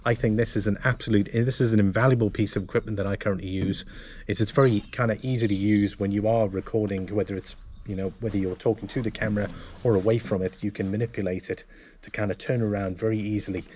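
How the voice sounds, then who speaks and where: A man presenting a casual gear walkthrough to camera, explaining things in a halting, self-correcting way. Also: on the low side, fairly even intonation, darkish tone, a little hiss or hum. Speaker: motovlogger and presenter.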